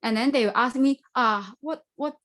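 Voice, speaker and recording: A woman from Hong Kong with a Hong Kong English accent, answering panel questions in halting, simple English on a video call. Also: fairly high pitch, fairly bright tone. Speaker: student panelist.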